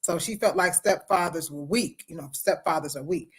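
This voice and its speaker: A woman's voice: lowish voice, moderate pace, husky. A woman hosting a casual livestream as a relationship coach, talking emphatically and repeating key phrases, her speech a little off from wearing a retainer and braces.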